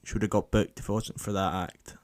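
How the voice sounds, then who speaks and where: A man's voice: lowish voice, level tone, brisk, darkish tone. A young man hosting a casual podcast, laid-back and dryly humorous as he moves through the segments. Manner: laid-back, dry humour, runs the segments. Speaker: podcast host. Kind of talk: casual chat. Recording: dry home podcast audio.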